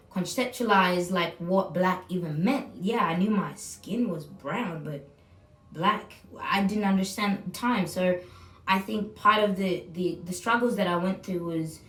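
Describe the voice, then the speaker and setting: A young woman in her twenties with a fairly low voice tells her own story. She speaks reflectively, with pauses, fillers and restarts. She is recorded a little way off from the mic in a roomy, echoey space. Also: fairly bright tone. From Burundi. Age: 20s. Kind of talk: personal testimonial talk. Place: room where she records her video. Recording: roomy, slightly distant mic.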